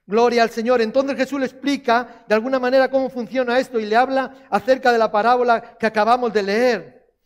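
A man's voice: very high voice, fairly even intonation, a little fast. A man preaching a sermon, repeating key phrases for emphasis and putting questions to the congregation.

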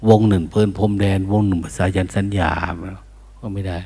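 A man's voice: low-pitched, flat delivery, fairly quick, dark tone, husky. An older man, a Buddhist monk, giving an informal dharma talk in an easygoing, chuckling way, now and then breaking into chant to show how it should sound.

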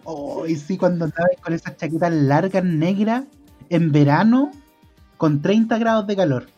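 A young man with a Chilean accent tells stories in relaxed chat and slips into other people's voices. His voice sits fairly high for a man. The audio is dull and lo-fi, with faint music behind him. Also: moderate pace. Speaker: podcast co-host. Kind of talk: casual storytelling chat.

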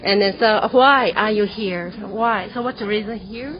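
A woman's voice: medium pitch, moderate pace, crowd noise. A woman interviewing people on location for a radio station, cheerful, in simple English. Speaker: street interviewer. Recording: dull lo-fi field recording.

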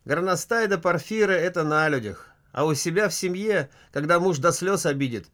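A man reading a satirical story aloud. His narration is measured and dry, with a storyteller's even delivery. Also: fairly high pitch.

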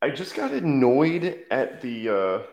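A man's voice: medium pitch, big pitch swings, takes it slowly, darkish tone. Critical male co-host in an echoey room. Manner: critical, stammering restarts. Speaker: podcast co-host. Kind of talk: casual show review chat.

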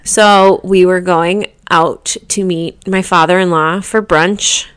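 A woman's voice: fairly low pitch, steady tone, slow pace, clear, resonant tone. A woman in her thirties co-hosting a casual podcast, telling everyday mom stories with lots of fillers and restarts. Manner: chatty, storytelling with many fillers and restarts. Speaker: podcast co-host. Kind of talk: casual chat.

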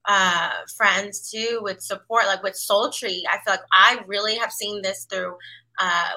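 A woman's voice: medium pitch, pushed and bright, poor audio. A woman co-hosting a podcast in casual chat, talking thoughtfully and loosely with many fillers.

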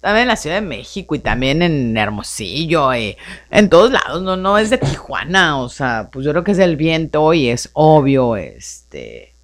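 A woman's voice: sits low, moderate pace. A woman hosting a live radio show on personal growth, coaching listeners with a string of rhetorical questions. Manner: animated coaching tone, rhetorical questions, frequent "entonces" and "no?". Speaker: radio host.

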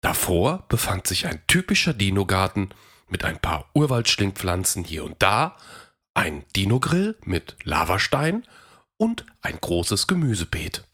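Low slow lady reading a kids story, kinda husky. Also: sing-song, a bit bright. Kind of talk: children's story narration.

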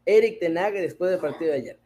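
A man's voice: high voice, animated, brisk, dark tone. A man hosting a casual sports talk show, joking and full of playful banter.

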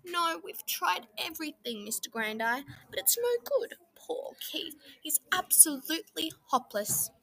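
Brief: a woman doing a high, anxious storybook mother kangaroo, bright and fretting. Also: sing-song, a little slow, gravelly, few pauses, exaggerated voice. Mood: fretful nervous. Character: nervous, fretful mother kangaroo.

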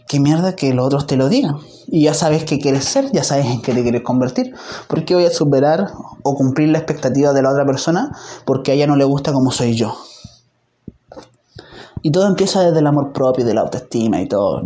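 Mellow-voiced Chilean man musing aloud. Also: slight background noise. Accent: Chilean Spanish. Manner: animated, acts out quoted voices with pitch jumps; repetitive, rhythmic listing. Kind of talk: casual reflective monologue.

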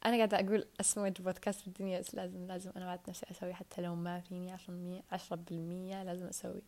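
A woman with a Saudi Arabic accent chatting on a casual solo podcast, rambling and rushed, often dropping into whispers, recorded on a wired earphone mic. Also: fairly low pitch, level tone, mellow.

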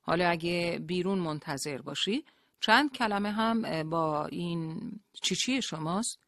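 A narrator voicing a male police interrogator who questions with polite, feigned calm in an audiobook. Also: mid-range voice, dry recording, studio quality, pitched above the performer's own voice. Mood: cool pressing.

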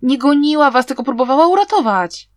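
A woman reading an audiobook, voicing a clever, playful young man who talks in a teasing, lively way. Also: sits high, a little fast, dry recording, clean studio sound, voice pushed up.

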